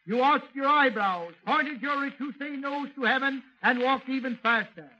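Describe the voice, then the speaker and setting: A man's voice: extremely high pitch, moderate pace, bright, forceful tone. A man doing 1930s radio comedy as a columnist, blustering and grumbling asides. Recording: old lo-fi radio recording with hiss.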